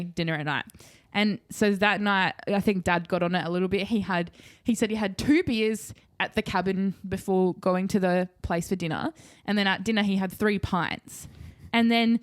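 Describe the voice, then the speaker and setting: A young adult woman with an Australian accent, co-hosting a casual podcast and telling a story in an animated way, laughing often and swearing casually. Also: fairly low pitch, dry recording. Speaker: podcast co-host.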